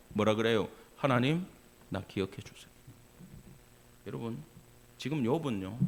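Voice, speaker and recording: A man preaching a sermon as pastor, swinging between quiet asides and loud cries, with casual spoken asides to the congregation. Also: mid-range voice.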